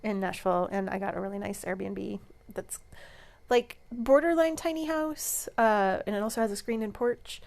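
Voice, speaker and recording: A woman's voice: mid-range voice, moderate pace, creaky, darkish tone. A woman co-hosting a podcast in casual chat, easygoing and chatty, often murmuring agreement. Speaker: podcast co-host.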